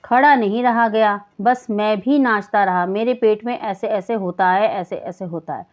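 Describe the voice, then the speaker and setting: A woman reading the part of a worried father of a sick boy in a slow, bewildered way. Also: mid-range voice, close to an everyday voice. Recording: dull lo-fi recording.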